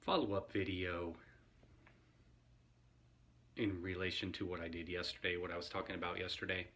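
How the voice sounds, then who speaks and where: Man with a bright, forceful voice. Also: low voice, steady tone, moderate pace. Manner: conversational, rambling, laughs often. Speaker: vlogger. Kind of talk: casual commentary to camera.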